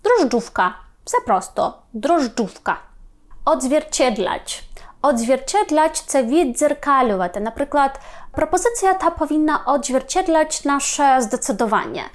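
A woman teaching language pronunciation, patiently sounding out each letter slowly and often checking in with her listeners. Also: sits high, sing-song. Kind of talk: explaining pronunciation to learners.

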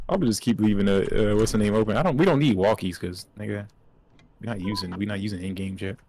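A man's voice: lowish voice, a little mellow, a little hiss or hum. A man playing a co-op horror game with a friend, bantering in slangy, laid-back talk, laughing and cursing. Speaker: co-op gaming partner. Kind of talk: co-op horror gameplay chat.

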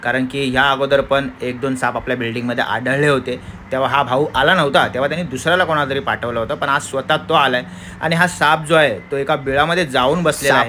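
A man's voice: medium pitch, bright, forceful tone, slight background noise. A man talking casually to his viewers at home, explaining things to the camera as a family vlogger. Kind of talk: casual vlog talk to viewers.

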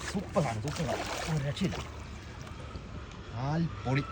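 A man chats casually on a fishing trip in Kerala Malayalam, with exclamations and repeated short phrases. His fairly high voice swings up and down. Outdoor noise is clearly heard behind him. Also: animated, measured pace. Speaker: fishing companion. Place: outdoors on a river by a boat. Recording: noisy outdoor ambience, boat and water.

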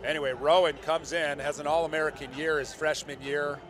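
Older man calling volleyball over crowd. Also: fairly high pitch. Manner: excitable, jokey, quick corrections. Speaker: play-by-play commentator. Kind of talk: sports commentary. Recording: broadcast commentary over loud arena crowd.

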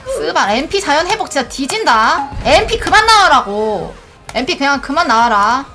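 High, lively woman game streamer. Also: moderate pace, faint music behind. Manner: excitable, pleads and groans at each roll. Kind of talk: live gameplay commentary.

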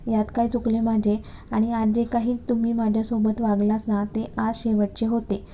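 A woman's voice: on the high side, monotone, normal speed, mellow, a little hiss or hum, lightly acted. A woman voicing a defiant young wife in a read-aloud story, answering back with firm, cutting retorts. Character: defiant young wife standing her ground.

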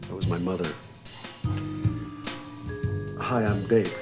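A man's voice: low-pitched, fairly even intonation, quick pace, over music, natural voice. An actor playing an awkward young man, flustered and given to dry comebacks, in film dialogue.

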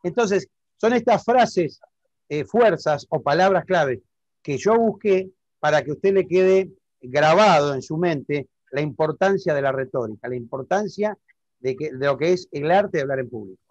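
A man's voice: fairly high pitch, animated, normal speed, no echo, muffled recording. A man with an Argentine accent teaching public speaking in an online lesson, explaining step by step and often checking that the listener understands. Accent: Argentine Spanish.

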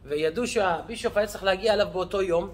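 A male rabbi telling stories in a lesson, lively, acting out the characters' voices. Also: sits high. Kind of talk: storytelling lesson.

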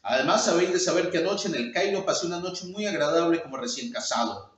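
A man's voice: fairly high pitch, expressive, fast, a bit bright, lo-fi sound. Hassan, a man reading as a baffled young man. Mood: indignant. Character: bewildered handsome young man, indignant. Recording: very echoey room, mic far off.

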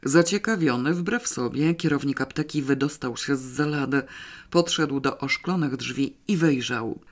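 A reader narrating a comic novel aloud, with a lively, dry comic delivery. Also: mid-range voice, normal speed. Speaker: audiobook reader. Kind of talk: scripted narration.

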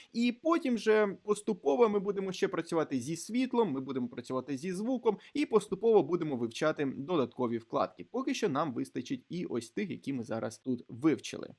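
A man teaching a screen-recorded programming tutorial, explaining step by step with hesitant fillers and restarts. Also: on the high side. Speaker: programming instructor.

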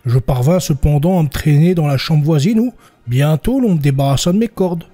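A man narrating historical court testimony for a podcast, voicing the quoted villagers a little higher and stumbling now and then. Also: lively intonation, a little fast, dark tone, soft background music. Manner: reads quoted villagers with raised pitch, slips and restarts.

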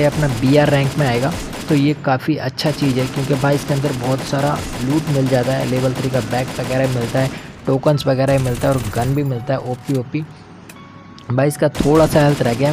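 A man's voice: mid-range voice, darkish tone. A young man giving casual, slangy commentary over his own gameplay as a gaming channel host, chatting to viewers like friends. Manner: chatty, slangy, keeps calling viewers brother.

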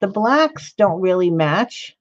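A woman's voice: medium pitch, big pitch swings, slow pace. A woman chatting casually to her livestream viewers while she works on a craft project, rambling and answering chat by name. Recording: slightly dull lo-fi stream audio.

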